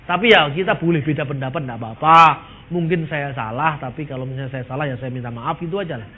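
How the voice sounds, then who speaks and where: High-voiced Indonesian man speaking, tinny. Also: fast talker, slight background noise. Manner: lively, quotes others in shifting voices, chuckles. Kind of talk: lecture-style talk to an audience. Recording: tinny phone-like sound.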